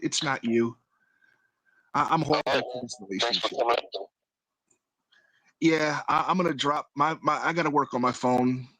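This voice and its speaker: A man's voice: medium pitch, normal speed, long pauses, sharp tone, no room sound. Man on a breaking-up phone line. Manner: joking, self-deprecating, apologetic. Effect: choppy, breaking-up phone connection. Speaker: guest caller on a livestream. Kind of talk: casual chat.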